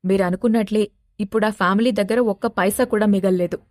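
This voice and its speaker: A woman's voice: mid-range voice, fairly even intonation, fast talker, a little mellow, no echo, close to an everyday voice. A woman voicing a respectful male assistant who reports news to his boss politely. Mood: reporting.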